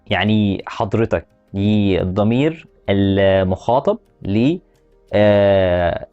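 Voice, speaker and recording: A man with an Egyptian Arabic accent teaching a language lesson, repeating example words slowly and asking the viewer questions. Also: lowish voice, darkish tone, lo-fi sound. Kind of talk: explanatory lesson.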